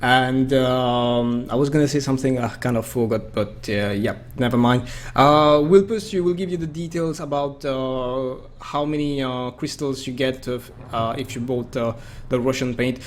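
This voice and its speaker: A man's voice: medium pitch, moderate pace, slight background noise. A man hosting and commentating a game match stream in a casual way, full of fillers and hesitations. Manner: chatty, hesitant with many fillers.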